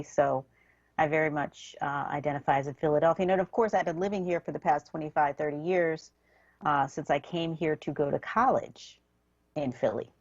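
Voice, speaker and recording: A woman's voice: sits low, dry recording, dull audio. A woman in her fifties, raised in New York, co-hosting a radio talk show in a wry, chatty way. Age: 50s. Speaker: radio co-host. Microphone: studio microphone.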